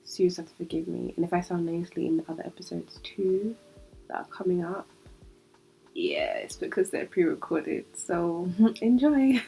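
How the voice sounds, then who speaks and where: A young British woman hosts a solo podcast in a lowish, warm voice with vocal fry, sounding nasal because of a cold. She's chatty and reflective and laughs easily, and the recording is rough.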